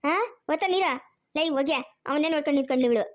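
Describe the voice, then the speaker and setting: A woman's voice: high voice, racing, natural voice. A woman voicing a harsh, scheming middle-aged village aunt in a cartoon, barking orders. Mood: scolding. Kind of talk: cartoon dubbing.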